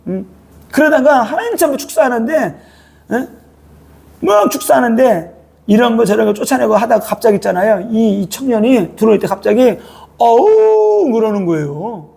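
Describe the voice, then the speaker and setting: A man's voice: extremely high pitch, gravelly, a little mellow, breathy edge. A male pastor preaching a sermon in a church, speaking colloquially and prodding listeners with a repeated "eh?".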